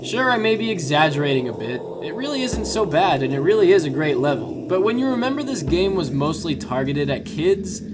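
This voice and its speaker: A man's voice: fairly high pitch, big pitch swings, brisk, few pauses, heavy background noise. A man hosting a scripted countdown video, narrating in a theatrical, tongue-in-cheek storytelling manner. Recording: music behind the voice. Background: background music.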